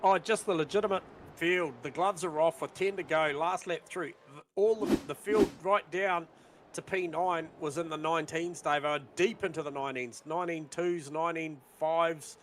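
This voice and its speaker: A man doing live sim racing commentary, calling out lap times and battles on track, rising in excitement at overtakes. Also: on the high side, normal speed, a little hiss or hum.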